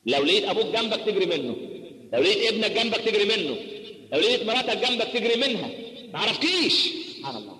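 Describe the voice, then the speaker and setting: A man with an Egyptian Arabic accent preaching a sermon, moving between chanted recitation and hushed, emotional asides. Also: sits high, expressive, racing. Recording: echoey hall with long reverb.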